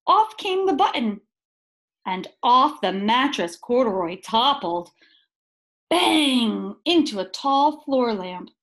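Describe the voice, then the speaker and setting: A woman with a slightly high voice reads a picture book aloud to young children, expressively, using deliberate dramatic pauses and emphasis.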